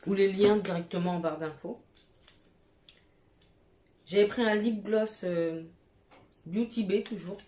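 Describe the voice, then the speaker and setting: Casually chatting about a haul from home, a woman beauty vlogger speaks in a warm, mid-range voice, her cat nearby. She gushes with exclamations and some casual swearing, and the echoey room picks up faint noise.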